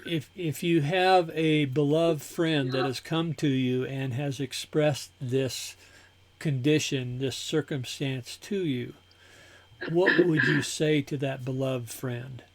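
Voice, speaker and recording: A man facilitating a spiritual group discussion, asking gentle, open questions and inviting answers without pressure. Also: mid-range voice, steady tone, slow.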